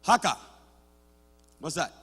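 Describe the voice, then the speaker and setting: A man preaching a sermon as a pastor, switching between Spanish and English, restarting words often and swinging from quiet talk to loud shouting. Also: takes it slowly, big-room sound. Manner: builds to loud shouted passages, then drops to quiet. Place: church sanctuary.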